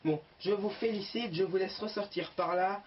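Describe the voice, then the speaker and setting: A man speaking as a game show host, running the show and interviewing contestants in a halting, improvised way, often repeating his words. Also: sits high. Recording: dull lo-fi sound with faint noise and clicks.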